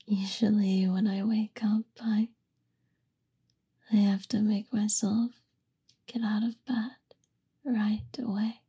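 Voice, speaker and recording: Slow breathy whispering woman. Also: mid-range voice, little pitch movement. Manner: soft intimate whisper, affectionate and soothing. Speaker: ASMR performer. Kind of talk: whispered ASMR roleplay.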